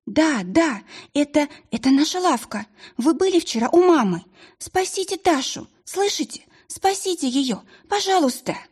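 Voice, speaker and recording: A woman voicing a frantic young girl who begs for help in a sobbing, high, urgent voice. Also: very animated, unhurried, a little mellow. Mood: desperate pleading. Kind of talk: audiobook character voice.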